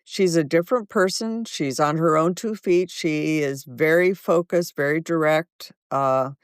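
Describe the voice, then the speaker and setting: Speaking in a low, clean voice, this seventies-aged guest author tells reflective stories during an interview. Her anecdotes come slowly, warmly and thoughtfully, and the studio-quality recording has no echo.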